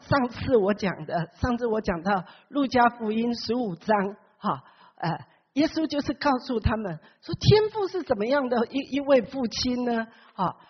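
A woman with a fairly high, husky voice preaches a sermon, repeatedly asking the congregation questions and acting out Bible characters with big vocal swings. The recording has a long hall reverb and a dull, lo-fi sound.

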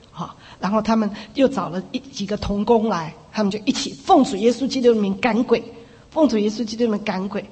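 A woman preacher telling a testimony in an animated way, dropping little "ha" fillers. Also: medium pitch, husky. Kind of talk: sermon testimony storytelling. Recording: long reverb in a big hall.

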